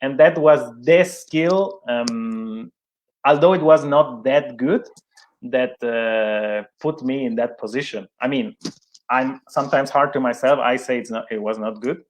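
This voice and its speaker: Rough recording quality frames this mid-range, slightly slow male voice. He's a non-native English speaker working as a sports event manager, and as an interview guest he hesitates, restarts often, leans on fillers and laughs at his own stumbles.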